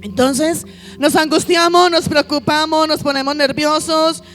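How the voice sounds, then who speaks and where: A woman's voice: high voice, fairly even intonation, measured pace, fairly bright tone, soft background music. A woman pastor preaching a sermon, piling up lists and asking the congregation rhetorical questions.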